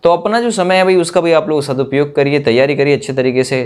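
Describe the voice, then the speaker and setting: A young adult man, an exam coaching YouTuber, gives an informal exam news update to camera, emphatic and colloquial, full of rhetorical questions. His voice is on the high side with a steady tone, a quick pace and a clean sound.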